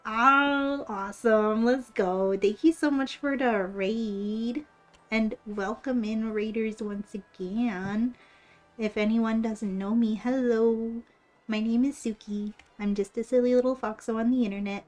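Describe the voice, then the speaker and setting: A woman's voice: fairly high pitch, steady tone, measured pace, mellow. A woman with a cute, bubbly anime-streamer delivery, chatting casually on a livestream. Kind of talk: casual livestream chat while drawing. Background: background music.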